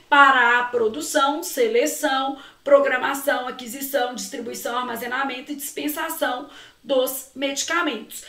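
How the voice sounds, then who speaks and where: High-voiced Brazilian woman teaching in an echoey room. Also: a bit bright, far from the mic. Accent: Brazilian Portuguese. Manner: talks to students directly, often asks them questions and answers herself; stretches out key words and syllables while explaining. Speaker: Portuguese teacher. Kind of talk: exam-prep lesson walking through questions.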